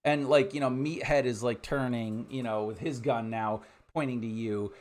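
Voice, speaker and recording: Man narrating a tabletop game haltingly. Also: medium pitch, fairly even intonation, a little mellow. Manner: halting, conversational, many trailing pauses. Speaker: game master.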